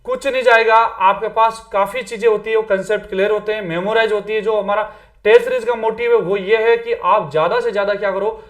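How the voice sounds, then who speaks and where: A man with a fairly high voice gives a casual coaching lecture to exam candidates. He talks in a loose, conversational way, mixing English terms into his speech and checking in with "theek hai" as he goes. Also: steady tone, fairly quick, a bit bright. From Rajasthan, India. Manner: chatty, repeats "theek hai", mixes English words.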